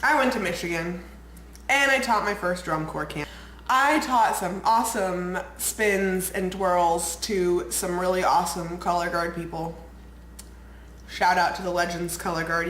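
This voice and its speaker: In a chatty vlog, a young woman with a cold sounds a bit congested and nasal as she rambles bubbly and casually, leaning heavily on "like." Her voice is fairly low and slightly bright, with fairly even intonation and a measured pace, recorded in an echoey room with faint background noise.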